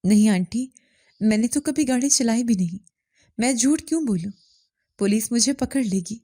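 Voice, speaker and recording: A woman voicing a frightened teenage daughter who pleads in a raised, higher voice. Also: animated, warm tone. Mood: pleading. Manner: pleading, tearful.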